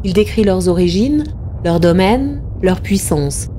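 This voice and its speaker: A woman's voice: lowish voice, expressive, measured pace, dark tone, a little hiss or hum. A woman giving a dramatic reading of a classic tale, impassioned and rising to anguished cries in the tense passages. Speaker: reader.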